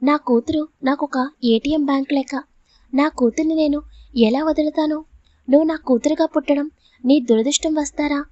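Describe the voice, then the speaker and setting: A woman's voice: high-pitched, steady tone, moderate pace, mellow, no echo, close to an everyday voice. A woman reading the part of a greedy, drunken middle-aged father who talks in a smug, wheedling way in a storybook reading. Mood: scheming. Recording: dull lo-fi audio.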